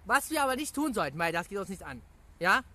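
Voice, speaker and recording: A gaming YouTuber rambling excitedly through a casual video reply to viewers, full of pet phrases and laughter. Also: medium pitch, quick pace. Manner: rambling, chatty, repeats catchphrases and fillers.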